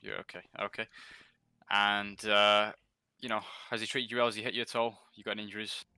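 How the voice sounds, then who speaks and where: A man's voice: on the low side, little pitch movement, brisk, sharp tone, smooth, dry recording. A man playing a police officer in a game role-play, asking and advising in a polite, procedural way.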